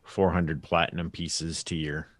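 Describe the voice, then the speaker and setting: Deep-voiced man, slow and hesitant. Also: flat delivery, dry recording, studio quality. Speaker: player. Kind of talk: casual table chat.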